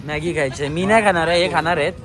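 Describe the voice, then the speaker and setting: A man's voice: fairly high pitch, racing. A man narrating a family trip vlog outdoors at night, chatty and always pointing things out to his viewers. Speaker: vlogger filming a family trip. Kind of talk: casual handheld vlog narration. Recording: music and crowd chatter behind.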